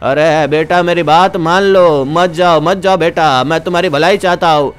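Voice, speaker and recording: A man's voice: fairly high pitch, moderate pace, smooth, faint music behind, close to an everyday voice. A young man voicing a stern old male villager who scolds and warns of ghosts. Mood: grave warning. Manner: grave, scolding, insistent.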